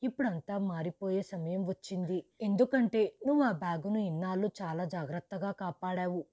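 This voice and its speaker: A woman narrating a storybook in the first person as a grieving, widowed mother who lost her wealth, in a steady, measured reading. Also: lowish voice, no room sound, natural voice. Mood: sorrowful.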